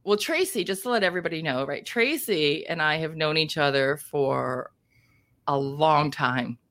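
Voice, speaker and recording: A woman's voice: sits low, lively intonation, moderate pace, fairly bright tone. A woman from Ohio hosting a podcast interview, upbeat and conversational, laughing often with her guest. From Ohio, USA. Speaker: podcast host.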